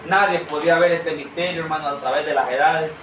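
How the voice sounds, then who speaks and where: A man's voice: on the high side, steady tone, fairly quick, fairly bright tone, slight background noise. A man preaching a sermon to a congregation, earnest and questioning, calling them brother. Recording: echoey room from far off.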